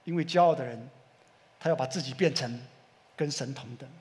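A man's voice: medium pitch, brisk, a little mellow. A male pastor with a Taiwanese Mandarin accent preaches a sermon, peppering it with rhetorical questions to the congregation and leading them in reading scripture aloud. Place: church sanctuary. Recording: long church-hall reverb.

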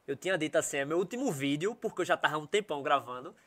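A man's voice: a little high, racing. A young man, telling a funny story as a podcast guest and acting out the voices in it. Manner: animated, acts out quoted voices, laughs while telling. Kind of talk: casual storytelling.

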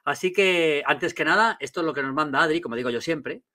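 A middle-aged man with a Castilian Spanish accent hosting football highlights, chatty and addressing viewers as friends. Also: fairly quick, heavy background noise. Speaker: host of a football channel. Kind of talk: casual highlights commentary to camera. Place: small home studio with foam panels. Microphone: close desk microphone.

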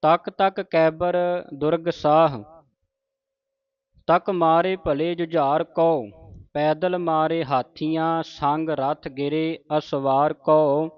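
A man teaching scripture pronunciation, reciting verses slowly in a measured chant and stopping to correct words. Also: on the high side, fairly even intonation, clear, resonant tone, no echo, muffled recording, soft background music. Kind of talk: slow recitation lesson with corrections.

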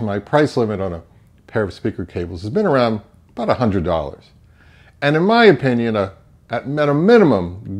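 This audio reviewer and host, an American in his fifties, speaks in a lowish, slightly mellow voice. Filming in a small home office, he gives a semi-scripted review to camera, forceful and opinionated, raising questions only to answer them himself.

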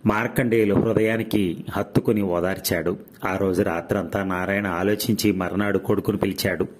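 A man narrating a story aloud in a steady, even reading voice. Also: low voice, normal speed. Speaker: story reader.

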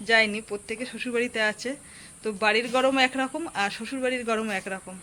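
A woman with a slightly high voice chats casually to her viewers about her day at home in a daily vlog. She rambles in a homely way and keeps her voice soft so a sleeping child won't wake. It's a noisy phone recording made indoors.

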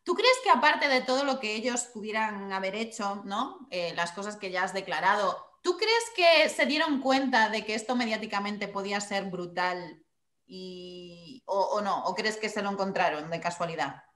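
A woman interviewer asking measured, probing questions. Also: mid-range voice, expressive, fairly bright tone. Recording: roomy sound.

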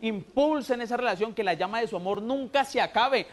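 A man with a Colombian accent doing a loud, rowdy stand-up routine and acting out the people in his jokes. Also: very high-pitched, fairly quick. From Huila, Colombia. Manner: loud, rowdy, acts out quoted voices. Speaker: stand-up comedian. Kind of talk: stand-up routine on TV comedy show.

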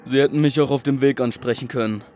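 A man's voice: mid-range voice, steady tone, fast talker, darkish tone, soft background music, close to an everyday voice. A man playing a cold, smug middleman. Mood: dry. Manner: clipped, commanding, coolly threatening. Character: cold scheming male middleman, smug and menacing. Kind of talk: audiobook drama acting.

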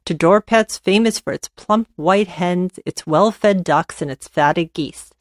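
A woman podcast host reading a folk tale aloud, with expressive storytelling. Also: lowish voice, slow pace, no echo, clean studio sound. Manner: expressive storytelling, voices quoted characters.

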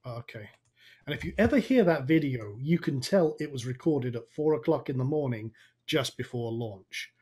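A man with a raspy, somewhat tired voice, coaching informally and thinking aloud through a screen-share tutorial. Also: mid-range voice, animated, normal speed, darkish tone. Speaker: online marketing coach.

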